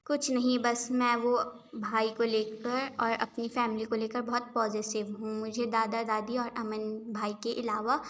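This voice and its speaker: A woman's voice: on the high side, a bit bright, a little hiss or hum, close to an everyday voice. A woman voices a sulky, possessive young man in a storybook reading. His replies are short and clipped.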